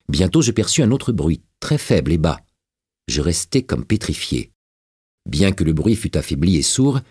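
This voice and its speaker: A man narrating a novel as an audiobook, with a dramatic and expressive reading. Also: sits low, husky, no room sound, clean studio sound.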